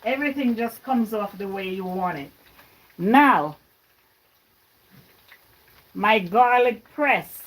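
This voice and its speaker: A Jamaican-born woman hosts a relaxed cooking livestream from her home kitchen, chatting to viewers while she cooks. Her medium-pitched voice has lively intonation, and she takes it slowly with frequent pauses. The audio is poor, and frying and stirring can be heard.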